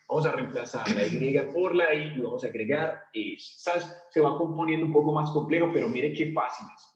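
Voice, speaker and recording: A man with a slightly high voice teaches English grammar to Spanish speakers, asking the class questions and stretching out example words slowly. The sound is echoey and dull, with a lo-fi quality.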